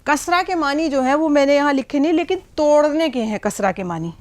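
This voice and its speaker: A woman with a notably high voice teaches at a board in an unhurried, explanatory way. She is middle-aged and keeps pausing to check that the listener is following. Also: expressive. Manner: patient explaining, frequent checks like "hai na?" and "theek hai". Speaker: Urdu teacher. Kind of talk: whiteboard language lesson.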